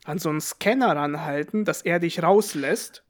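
A man's voice: a little high, moderate pace. Young man telling wry stories. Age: young adult. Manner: wry storytelling, laughs often. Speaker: podcast co-host. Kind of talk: casual chat.

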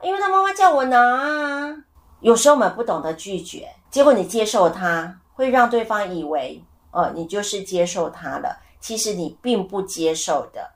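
Middle-aged woman podcasting solo, kinda low voice, animated, keeps asking the listener stuff. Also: normal speed. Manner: animated storyteller who asks listeners questions; acts out voices in her stories. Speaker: podcast host. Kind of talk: casual solo podcast talk.

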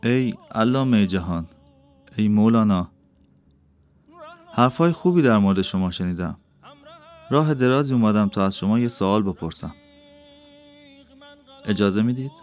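A man reading an audiobook voices a mysterious wandering dervish who asks slow, weighty questions in a quavering tone. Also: on the low side, animated, darkish tone, faint music behind, close to an everyday voice. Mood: courteous, commanding. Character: mysterious wandering male dervish, calm and probing.

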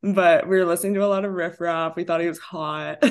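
A woman's voice: on the low side, fairly even intonation, fairly quick, clear, resonant tone. Giggly young woman hosting a chat. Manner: giggly, says "like" a lot. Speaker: podcast host. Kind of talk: casual chat.

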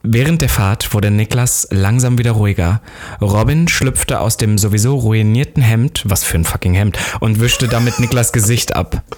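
A man reads a story aloud in a somewhat low voice. He stops now and then for amused, joking comments. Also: normal speed, a little mellow. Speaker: co-host reading a story aloud. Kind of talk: reading a story aloud with banter.

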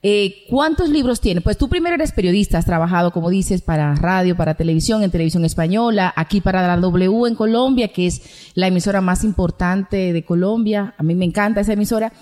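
A woman's voice: medium pitch, brisk, darkish tone. A woman from the Dominican Republic who hosts a radio interview show, asking friendly questions to draw out her guest.

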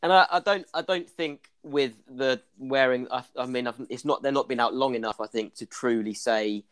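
A man's voice: medium pitch, moderate pace, a bit bright, clean tone. A man with an Irish accent, a clinician explaining running injuries in a casual podcast chat, full of "kind of" fillers.

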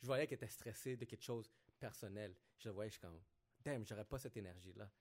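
A man's voice: lowish voice, fast. Man hosting a podcast. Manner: relaxed storytelling with English slang. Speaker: podcast host. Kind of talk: casual podcast chat.

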